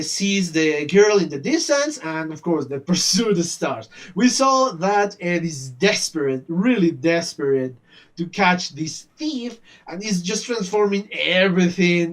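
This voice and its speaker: Animated man recapping an anime episode. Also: high-pitched, far from the mic. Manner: animated, chatty, with frequent "uh" fillers. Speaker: anime reaction host.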